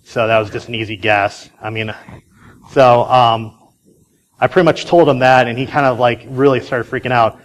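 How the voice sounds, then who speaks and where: A man's voice: medium pitch, steady tone, normal speed, low-quality recording. A man giving a casual conference talk, telling a story in a chatty way with many fillers and restarts. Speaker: conference speaker.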